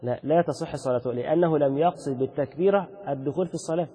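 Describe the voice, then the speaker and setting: A man's voice: fairly high pitch, very fast, warm tone, husky. A man with an Egyptian Arabic accent teaching Islamic law. He explains each point, asks questions and then answers them himself. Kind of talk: religious lesson. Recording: dull lo-fi recording with long reverb.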